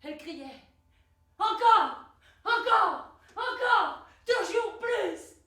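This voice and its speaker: An actress playing a bewildered young girl who searches her lost memory, speaking in halting, repeated words and anguished exclamations in a theatre monologue. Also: extremely high pitch, fairly bright tone, full character voice. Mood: frantic, jealous. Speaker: stage actress. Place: theatre stage. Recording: echoey stage recorded from far off.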